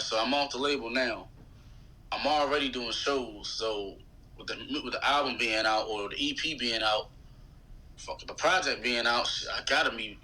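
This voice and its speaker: Speaking as a guest in an interview, a rapper from the United States in his thirties keeps it casual and full of slang. His mid-range voice comes across bright and forceful, captured in a rough recording.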